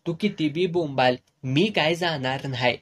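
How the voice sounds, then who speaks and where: A narrator voicing a gruff, stubborn village husband in rough rural dialect, reading a serialized novel. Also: medium pitch, measured pace. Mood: grumbling.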